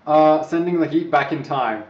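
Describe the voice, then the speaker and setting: A non-native English speaker, this man rambles and jokes with his live stream viewers, often talking to himself. His voice sits fairly high and moves at a normal speed. He is far from the mic in an echoey room, so the sound comes across dull and lo-fi.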